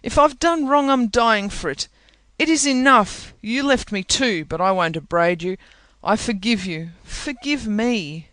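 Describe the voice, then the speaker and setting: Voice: medium pitch, slow, few pauses, no room sound, voice pushed up, lightly acted. A reader voicing a desperate, dying young woman in an audiobook, pleading and rising to shrieks. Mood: sobbing plea. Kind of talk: audiobook character reading.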